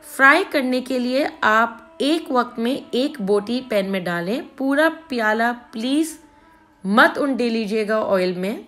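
A woman hosting a cooking channel, calmly narrating a recipe step by step. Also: on the high side, slow. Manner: calm step-by-step instruction. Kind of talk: recipe voice-over.

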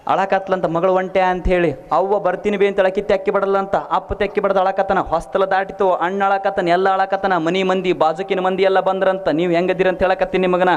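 A male preacher with a North Karnataka Kannada accent tells a funny family story as a sermon. His voice sits high for a man. He keeps turning to the listeners to ask whether they are following. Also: flat delivery, fairly quick, hardly any pauses, smooth.

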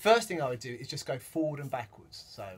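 A man's voice: mid-range voice, lively intonation, fast, very noisy. A man teaching samba percussion, counting beats and singing the rhythms aloud as he demonstrates. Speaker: music teacher. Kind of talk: instrument demonstration lesson. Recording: loud drumming behind the voice.

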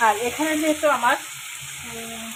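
A woman with a hoarse voice, casually talking viewers through her cooking step by step as host of a cooking channel. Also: fairly high pitch, a little slow. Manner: talks viewers through each step, mixing in English words. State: hoarse, throat trouble. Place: home kitchen. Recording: sizzling pan noise behind.

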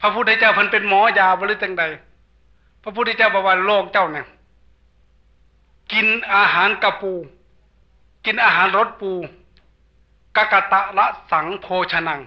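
A monk from northeastern Thailand with an Isan accent, giving a folksy sermon with a storyteller's jokes. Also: male voice, high voice, steady tone, moderate pace, long pauses. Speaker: Buddhist monk preacher. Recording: dull lo-fi sermon recording.

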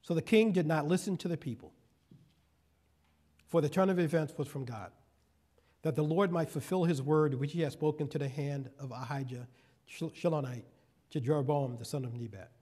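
A man's voice: fairly high pitch, moderate pace, long pauses, dark tone. A male guest preacher giving a sermon, reading scripture verses and then explaining them in folksy asides. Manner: repeats key phrases for emphasis.

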